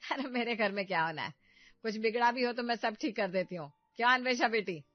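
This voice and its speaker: A woman voicing a domineering, scheming middle-aged mother in a cartoon story, loud and scolding. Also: fairly high pitch, fairly quick, no echo, highs cut off, faint music behind, lightly acted. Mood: sweetly scheming.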